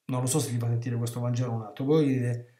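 Animated priest preaching in a roomy space. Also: male voice, medium pitch, fast. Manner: animated, emphatic, with rhetorical questions to the listeners. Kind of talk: retreat sermon. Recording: roomy echo.

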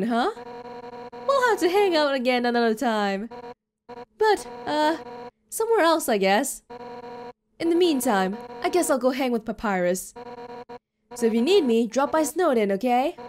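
A woman's voice: high voice, slight background noise. A woman voicing a brash, fierce female fish warrior from a video game, talking tough and boisterous. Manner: tough, boisterous, calls listener punk.

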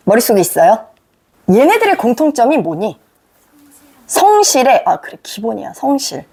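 A woman's voice: high-pitched, a little mellow, husky. A middle-aged woman teacher lecturing students directly, emphatic and scolding, firing rhetorical questions at them. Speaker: teacher giving advice to students.

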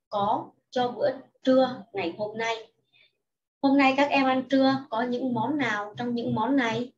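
Female primary teacher, slow and patient, slightly distant dull recording. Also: on the high side. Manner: patient, explains each sentence in Vietnamese after English. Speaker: primary school English teacher. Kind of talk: slow, careful lesson for young children.

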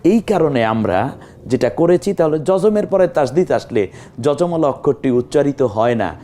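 A man teaching Quran recitation step by step, patiently repeating words and breaking into drawn-out melodic chanting of the verses. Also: fairly high pitch, animated, dark tone, a little hiss or hum. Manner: drawn-out melodic chanting of Arabic verses between plain explanations. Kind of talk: slow step-by-step recitation lesson.

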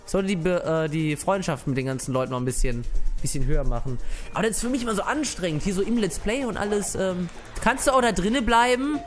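A man's voice: high voice, animated, fast talker, faint music behind. A man giving casual let's play commentary, brash and mocking, swearing at the game characters.

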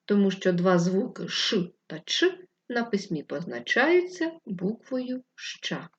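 A woman teacher speaks to young children in a distance lesson, her pitch rising and falling in a lively, singing way. She spells out every instruction slowly and clearly. The recording sounds dull and a little lo-fi. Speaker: primary school teacher. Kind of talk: distance-learning lesson for first graders.

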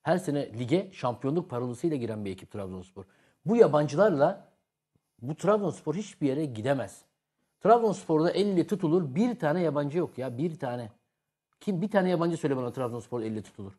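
A man talking football in a heated studio debate, blunt and emphatic. His voice sits a little high and he talks quickly, pressing his points hard. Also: animated, mellow. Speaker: football pundit.

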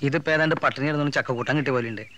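A man's voice: medium pitch, very fast, fairly bright tone, slight background noise, close to an everyday voice. An actor playing a male farm labourer who mutters grumbling asides in a 1980s film.

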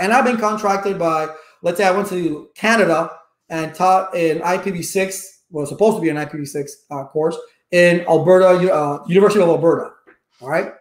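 A Cuban-born man in his fifties, whose first language is Spanish, teaches network engineering and chats casually with livestream viewers from his home office. He's animated, gestures a lot and poses rhetorical questions. His voice sits high and sounds reverberant through the desk webcam.

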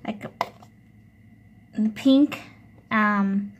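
Speaking extremely slowly in a mid-range voice, a young woman narrates a casual makeup tutorial, hesitating and repeating herself as she works. The beauty vlogger is indoors in a small room at home, recorded by a phone at arm's length with faint background noise.

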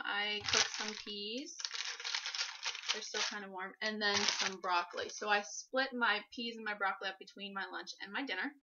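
A woman in her twenties, a fitness vlogger, moves around her home kitchen while chatting practically through a demonstration in a casual how-to vlog. Her voice is mid-range, and the recording is very noisy, with dull lo-fi audio from a camera mic across the room.

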